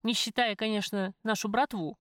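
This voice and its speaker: A woman voicing a blunt, streetwise young waitress who chides her friend, in a lively, raised voice. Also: medium pitch, normal speed, no room sound, studio quality, close to an everyday voice. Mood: brash. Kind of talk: audiobook character voice.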